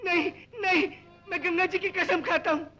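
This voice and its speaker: A man's voice: very high-pitched, steady tone, normal speed, bright, forceful tone, soft background music. An actor playing an earnest, simple village man who speaks with impassioned pleading and swears oaths, on an old film soundtrack. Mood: frantic. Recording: dull 1960 film soundtrack.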